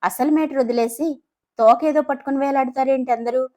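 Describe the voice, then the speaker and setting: A woman's voice: fairly high pitch, brisk, darkish tone, lightly acted. A woman voicing a proud, teasing middle-aged father who speaks sarcastically and boastfully. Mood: scolding.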